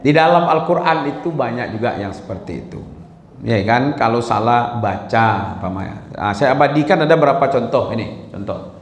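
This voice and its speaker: A man teaches an informal Quran lesson in a medium-pitched, animated voice at normal speed, chatting with listeners and chanting short verses as examples. He keeps checking in, often asking the audience "ya kan?" The recording has roomy hall echo and a little hiss or hum.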